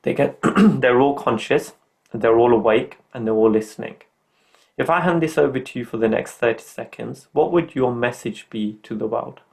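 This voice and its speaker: A man's voice: mid-range voice, moderate pace, gravelly, a little mellow. Upbeat middle-aged male podcast host. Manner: upbeat, earnest, motivational. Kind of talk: motivational podcast chat.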